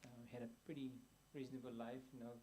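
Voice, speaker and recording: A young man from Fiji giving his personal testimony as a guest, soft-spoken and hesitant, with many pauses and restarts. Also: medium pitch, little pitch movement, background noise.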